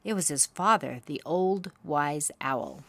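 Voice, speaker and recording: A woman hosts a read-aloud, telling a children's picture-book story to young listeners with deliberate, expressive phrasing. Her voice sits low, and there is no echo.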